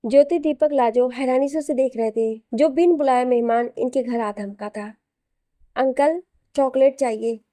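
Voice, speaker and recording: A woman narrating a romantic story in a calm, even storytelling manner. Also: on the high side, moderate pace, hardly any pauses, no echo.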